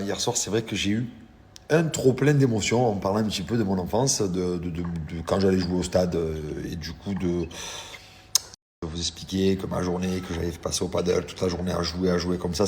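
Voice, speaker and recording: A sore, tired man chatting casually in a slangy, animated vlog, telling stories with many restarts. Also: sits low, a little hiss or hum. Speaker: vlogger. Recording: echoey room.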